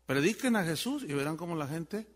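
A man's voice: fairly quick, big-room sound. A man preaching a sermon, telling a story and acting out the voices of the people in it. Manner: animated storyteller acting out voices, wide swings in pitch and volume. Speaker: pastor.

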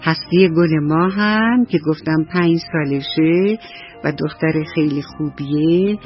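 A woman telling a bedtime story to children on the radio, speaking gently and addressing the kids directly. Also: sits low, faint music behind. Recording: dull dry radio recording.

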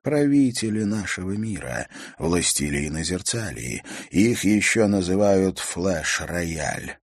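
Storybook mirror-double, male, terse and irritable, low voice that still swings wide, as read by a man. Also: sing-song, takes it slowly, no room sound, studio quality, exaggerated voice. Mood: sullen. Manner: grudging, terse replies. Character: sullen male mirror doppelganger, evasive, irritable. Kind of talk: audiobook character voice.

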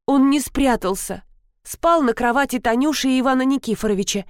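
A woman's voice: high voice, fairly quick, no echo, studio quality, pitched above the performer's own voice, natural voice. A woman voicing a panicky, tearful woman housekeeper, talking frantically. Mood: anxious.

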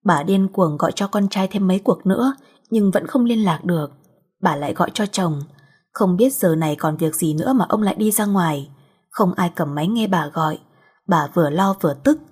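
Husky woman reading a story. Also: lowish voice, darkish tone. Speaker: narrator.

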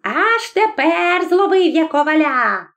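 A sly male devil squeaks and wheedles in a storybook reading, put on by a woman narrator. His voice sits very high and thin. He stretches his words out very slowly. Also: very animated, a bit bright, full character voice. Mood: gloating. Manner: squeaky, wheedling, then pleading. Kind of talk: audiobook character voice.

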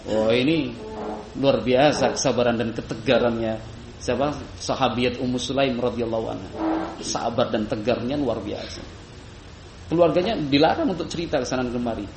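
Male preacher, animated storytelling sermon, echoey hall, faint hum behind. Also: moderate pace. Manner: lively, acts out quoted voices in high pitch. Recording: echoey room with faint background noise.

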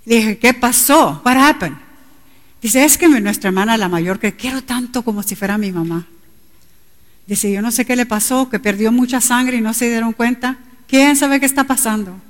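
Middle-aged woman preacher, impassioned and high-pitched, with a long hall echo. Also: normal speed. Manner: impassioned, rising to cries at times. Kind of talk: bilingual sermon. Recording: long reverb in a large hall.

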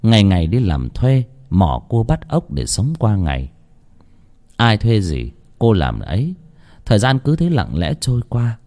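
A man's voice: on the low side, very animated, measured pace, warm tone. A man narrating a horror story with dramatic, emotive storytelling.

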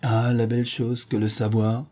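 A man voicing a timid, emotional gentleman who stammers and gushes, in an audiobook reading. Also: medium pitch, monotone, normal speed, breathy edge, close to an everyday voice. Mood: effusive. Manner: stammering, gushing, tearful. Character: timid, emotional middle-aged man, easily flustered.

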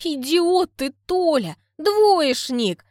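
Woman doing a gruff angry village woman, harsh scolding, high and loud, dry sound. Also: very animated, drawn-out words, dry recording, exaggerated voice. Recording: dry close recording.

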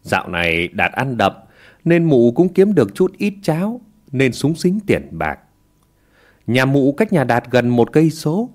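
A man telling a village story with lively, expressive narration. His pitch sits in a middle register. The intonation moves animatedly from line to line. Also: a little slow.

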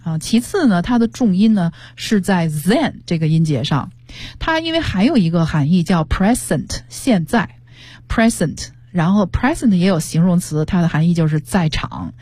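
A woman's voice: lowish voice, animated, moderate pace, dark tone, breathy edge, no room sound. A woman guest teacher on a radio show, explaining English words and pronunciation with example sentences. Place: radio studio. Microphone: studio microphone.

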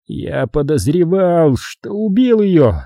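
A man voicing a despairing, guilt-ridden man who speaks slowly and heavily in an audiobook. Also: a little high, very animated, mellow, no echo, clean studio sound, voice pushed up, full character voice. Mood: hopeless. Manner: slow, heavy, hopeless. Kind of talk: audiobook character voice.

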